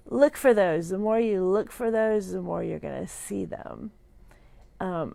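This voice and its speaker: A middle-aged woman weak and groggy after surgery, rambling sincerely and haltingly in a personal livestream from a hospital room. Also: fairly low pitch, creaky, a little mellow. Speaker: vlogger sharing a personal update.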